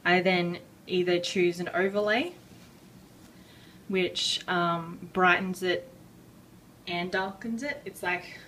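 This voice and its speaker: Rambling, self-deprecating woman, slow and distant. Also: on the low side, fairly even intonation, fairly bright tone, a little hiss or hum. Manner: rambling, self-deprecating, many fillers and restarts. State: a bit out of breath, clearing her throat. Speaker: art tutorial maker. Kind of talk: casual screen-recorded drawing tutorial.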